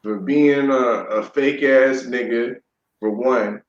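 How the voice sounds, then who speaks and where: A man co-hosting a casual boxing talk show, speaking in a halting way with frequent restarts. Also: medium pitch, steady tone, roomy sound, highs cut off, a little hiss or hum. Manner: halting, many fillers and restarts. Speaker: podcast co-host.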